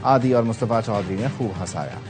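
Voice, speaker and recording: A man reading scripted news headlines in an even, formal manner. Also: lowish voice, a little fast, music in the background. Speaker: news anchor.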